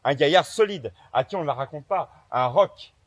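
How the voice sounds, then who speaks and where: A man's voice: a little high, expressive, moderate pace. A man playing a brash, scheming grown son. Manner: blunt, scornful, emphatic. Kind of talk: amateur stage play rehearsal.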